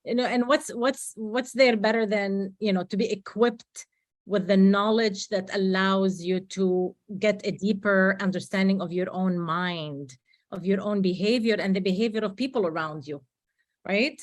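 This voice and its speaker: A woman's voice: mid-range voice, moderate pace. A woman from Lebanon hosting an interview, asking questions and encouraging her guest with short affirmations. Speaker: interview host.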